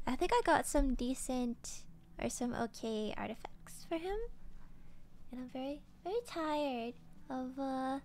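A woman's voice: high voice, a little hiss or hum. A woman streamer chatting casually with her viewers, tired and yawning, hesitant with lots of fillers and giggles. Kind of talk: casual chat with live chat.

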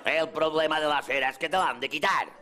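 Casting: Mallorcan man, stand-up in character as a cocky latin lover, higher voice, bright and sharp, laughter behind. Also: fast, a faint crowd. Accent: Mallorcan Spanish. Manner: boastful, playing a self-styled latin lover. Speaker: stand-up comedian. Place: café stage before a live audience. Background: audience laughter.

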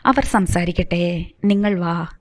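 A woman voicing an outspoken adult woman who is quick to retort, in an audiobook. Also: lowish voice, steady tone, lightly acted. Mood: brisk.

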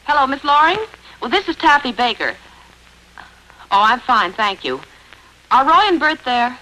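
A woman's voice: high voice, very animated, moderate pace, pushed and bright, exaggerated voice, low-quality recording. An actress playing a polite young woman making inquiries in a 1940s western film, speaking courteously. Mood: polite, probing. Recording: old 1940s film soundtrack.

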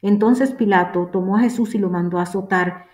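Woman scripture reader, solemn and measured, roomy echo. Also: medium pitch. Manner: steady, measured delivery. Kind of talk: solemn liturgical reading.

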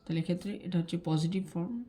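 A woman races through a grammar lesson in a mellow, dark-toned voice. She repeats key terms and keeps checking that her students follow. Her voice sits a little low. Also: steady tone, racing, slight background noise. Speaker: English grammar teacher. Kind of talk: explaining grammar rules to students.

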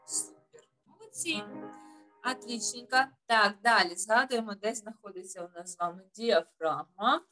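A woman's voice: medium pitch, normal speed, long pauses, bright, forceful tone, soft background music. A woman vocal teacher leading a children's singing lesson, patient and encouraging, using diminutives and checking in with a questioning "right?".

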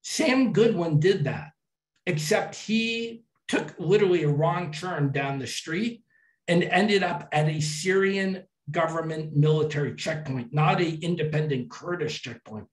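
A man's voice: fairly high pitch, a little slow. A man giving a public talk to an audience and telling travel stories in a chatty way, with some restarts. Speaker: travel speaker. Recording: echoey hall from far off.

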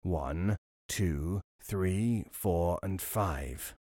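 A man voicing a murderous, menacing robber who threatens and counts slowly. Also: low voice, mellow, dry recording, clean studio sound, voice pushed down, heavily acted.

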